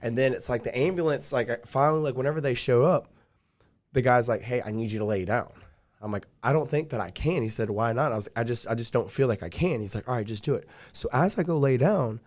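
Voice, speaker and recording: In casual chat, a young man appearing as a podcast guest tells a long personal story. He talks fast with a medium-pitched, darkish voice, rambling and leaning on fillers like "like" and "dude."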